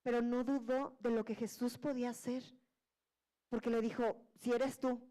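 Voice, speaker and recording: A woman preaching a sermon, telling the story in a lively, colloquial and humorous way and acting out the voices of the disciples. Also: on the high side, moderate pace.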